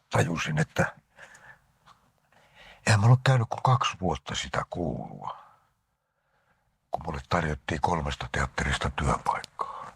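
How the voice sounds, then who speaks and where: An older man from Finland, an actor giving an interview, telling anecdotes about his life and often sinking into a breathy half-whisper. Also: a bass voice, a bit bright, no room sound, clean studio sound. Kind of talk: reminiscing interview talk.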